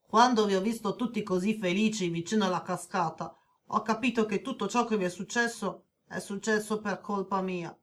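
A woman's voice: medium pitch, steady tone, normal speed, a little hiss or hum, close to an everyday voice. A woman voicing a shy young boy who stammers out apologies in a children's audio story. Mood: remorseful.

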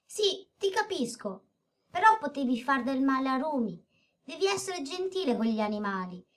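A woman voicing a gentle, caring young girl in a children's audio story. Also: high voice, very animated, moderate pace. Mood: calm.

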